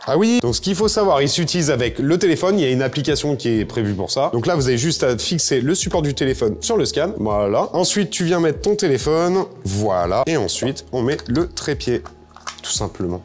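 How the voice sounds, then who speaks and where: A young man presenting a casual product review, animated and joking, with slangy asides. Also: mid-range voice, fairly quick. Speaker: tech reviewer.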